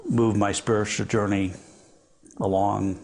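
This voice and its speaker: An older man giving a reflective television interview, measured and hesitant, with frequent pauses and fillers. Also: lowish voice, level tone, creaky, darkish tone. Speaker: interview guest.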